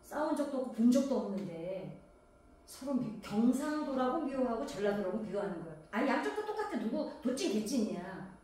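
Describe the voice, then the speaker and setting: A woman's voice: fairly high pitch, lively intonation, normal speed, warm tone, slight background noise. A woman from Gangwon Province, South Korea, preaching a sermon in a conversational way, firing rhetorical questions at the congregation. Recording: very echoey hall, voice from a distance.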